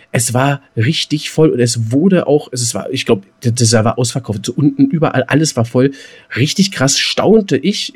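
This co-host's mid-range voice is husky with a darkish tone. He chats loosely about movies on the podcast, throwing in slang and the occasional mild curse.

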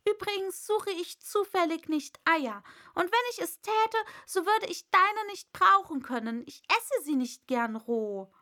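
A woman's voice: extremely high pitch, animated, measured pace, hardly any pauses, pushed and bright, voice pushed up, full character voice. Alice, a woman doing a protesting little girl. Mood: earnest. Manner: protesting, hesitant. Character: earnest, truthful little girl, flustered. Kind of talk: audiobook character voice.

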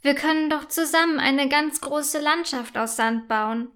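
A woman's voice: high-pitched, fairly bright tone. A woman voicing a touchy, stubborn younger sister, a little girl, in a storybook reading. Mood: shy, friendly. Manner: sulky, quick to take offense.

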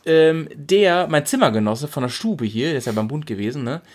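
A young man from Lower Saxony, telling a long anecdote in casual chat and acting out the quotes. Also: a little fast. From Lower Saxony, Germany. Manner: animated anecdote-telling, acting out quotes with big pitch jumps. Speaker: storyteller.

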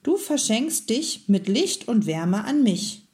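A woman doing a squeaky little church mouse. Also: very animated, slow pace. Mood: grateful. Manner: squeaky and soft. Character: small poor female church mouse, timid and wondering.

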